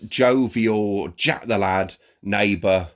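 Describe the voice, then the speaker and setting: A man's voice: fairly low pitch, takes it slowly. A man co-hosting a podcast in casual chat, joking and teasing as he talks. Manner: jokey, teasing, laughs often. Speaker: podcast co-host.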